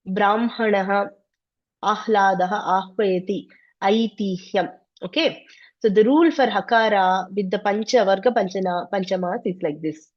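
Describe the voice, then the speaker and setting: A woman's voice: medium pitch, darkish tone. A woman teaching a Sanskrit class online, explaining patiently and step by step. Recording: slightly dull lo-fi audio.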